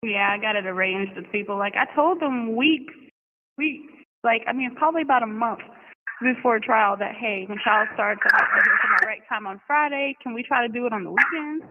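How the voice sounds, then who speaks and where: A woman from Georgia talking calmly over a prison phone line, rambling with fillers. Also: fairly high pitch, a little fast. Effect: heard over a prison phone line. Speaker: inmate on trial. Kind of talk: casual phone chat. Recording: tinny prison phone line with faint hiss.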